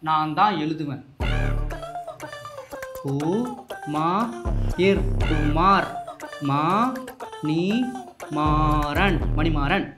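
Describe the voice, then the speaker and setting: A man's voice: high voice, moderate pace, roomy sound, music in the background, natural voice. A man playing a boastful young village cousin who wants to marry the girl and brags about his schooling. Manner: boastful and bossy. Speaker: cousin and suitor.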